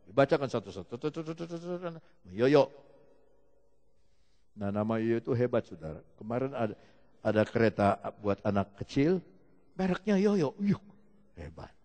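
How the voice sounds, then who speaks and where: A man preaching a sermon, telling stories with lively shifts and calling out to the congregation. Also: mid-range voice, normal speed, long pauses. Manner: animated storytelling preacher, calls out to the congregation. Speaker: pastor. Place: church hall. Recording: long reverb of a large hall.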